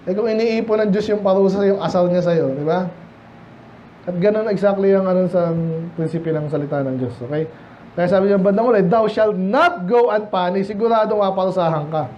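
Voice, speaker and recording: A man preaching a midweek Bible study sermon in a conversational way, often asking the congregation rhetorical questions and reading scripture slowly and solemnly. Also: sits high, mellow, highs cut off, slight background noise. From Philippines.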